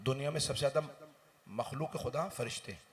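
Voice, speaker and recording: A male cleric delivering a mourning sermon, moving from soft storytelling to loud, wailing recitation. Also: mid-range voice, fairly quick. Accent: Indian English-Urdu mix, Londoner. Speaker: Shia cleric giving a majlis.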